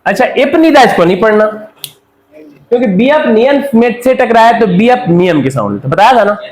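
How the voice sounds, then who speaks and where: A man's voice: sits high, reverberant, poor audio. A man from Pakistan teaching a Korean language class, drilling students by asking questions and answering them himself. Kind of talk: classroom lecture.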